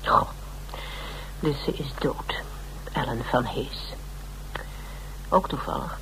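In a naturalistic radio drama, an actress plays a practical, wry woman detective with a Dutch accent, speaking in a relaxed, teasing and intimate way. Her delivery is a bass-voiced, exaggerated whisper at a slow pace. The recording quality is low.

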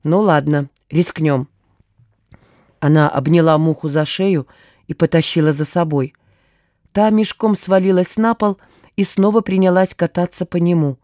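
A woman narrating an audiobook in a measured, wry storytelling manner on a close mic. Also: lowish voice, steady tone, mellow, no echo. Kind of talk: scripted narration.

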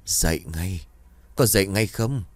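Furious ghost lady barking to get out, a guy reading her part, low and dry. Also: expressive, unhurried, no echo. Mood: menacing. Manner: barking, threatening orders. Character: angry ghost woman, harsh and menacing.

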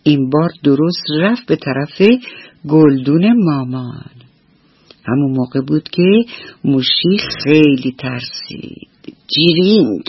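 A woman's voice: sits low, slightly rough, no room sound. A woman storyteller narrating a radio bedtime story for children, talking to them directly and expressively, from a slightly dull radio recording.

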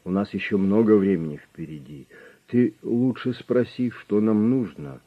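A man voicing a calm, menacing middle-aged gang boss who mocks his captive with cold smugness. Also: fairly low pitch, measured pace, narrow, tinny audio. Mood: cold, mocking. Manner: smug, coldly mocking.

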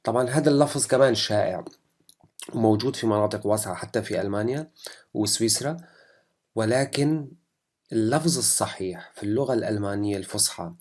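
A man's voice: on the low side, fast, darkish tone. A young man with a Levantine Arabic accent gives a German lesson, explaining rules and drilling number words one by one. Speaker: German teacher. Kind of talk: language lesson.

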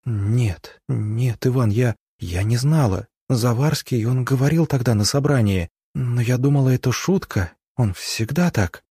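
A man's voice: mid-range voice, a little slow, few pauses, warm tone, slightly rough, no room sound, clean studio sound. Man doing a shaken young schoolteacher. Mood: shaken disbelief. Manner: breathless, faltering and stunned. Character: young village schoolteacher woman, naive and shaken.

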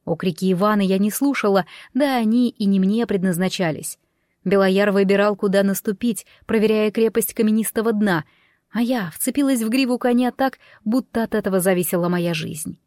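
A woman's voice: mid-range voice, moderate pace, no echo, studio quality. Woman narrating a folk tale. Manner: expressive folk-tale reading with voiced character lines. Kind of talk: storytelling audiobook narration.

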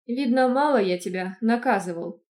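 A woman reading an audiobook, voicing a stern, menacing tiger-shifter uncle who speaks in a cold, slow drawl. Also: on the high side, darkish tone, close to an everyday voice. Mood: cold menace.

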